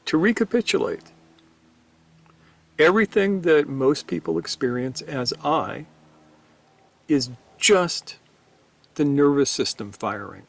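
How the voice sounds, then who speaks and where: A man co-hosting a spiritual talk show, explaining ideas in a measured, emphatic way. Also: fairly high pitch, expressive, vocal fry. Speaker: podcast co-host teaching on Gurdjieff. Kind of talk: reflective spiritual discussion.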